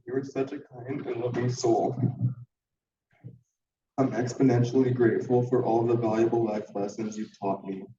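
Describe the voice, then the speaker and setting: Man reading a eulogy in a flat, dark voice. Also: medium pitch, a little hiss or hum. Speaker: partner reading a tribute. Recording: echoey hall from far off, dull sound.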